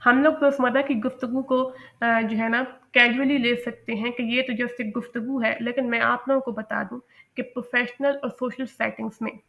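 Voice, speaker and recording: Female language teacher, lecturing patiently, saying English examples slowly and clearly. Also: on the high side, fairly even intonation, muffled recording. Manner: slow, careful enunciation of English example sentences. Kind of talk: lecture explaining English phrases.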